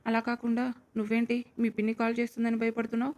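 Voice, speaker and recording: A woman's voice: a little high, completely flat delivery, fast talker, darkish tone, natural voice. A woman doing a cold, sarcastic young doctor. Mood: curt. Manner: curt, sarcastic.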